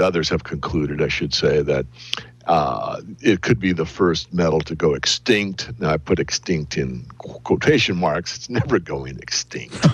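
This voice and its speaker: A man answering interview questions in a deliberate, hedging, analytical way. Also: low-pitched, no room sound. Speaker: interview guest, silver analyst.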